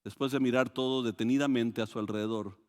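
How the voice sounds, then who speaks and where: A man with a Mexican Spanish accent preaching a sermon, animated and full of restarts, acting out quoted voices with sudden loud rises. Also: medium pitch, quick pace. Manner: hesitant restarts and repeated words. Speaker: pastor. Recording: long hall reverb.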